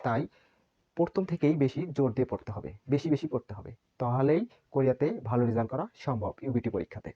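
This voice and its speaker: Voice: medium pitch, animated, fast talker, husky, muffled recording. A teacher gives an online language lesson, patiently repeating each sound many times as a drill.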